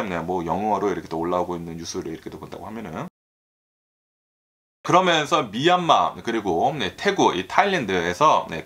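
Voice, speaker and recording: A man talking casually to his viewers about the news, rambling and filling every pause with little filler words. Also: medium pitch, a bit bright. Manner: filler-heavy, constant "ne" and "ireoke tto"; rambling and talkative, sometimes laughs. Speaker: YouTuber reviewing US news. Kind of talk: casual solo video talk.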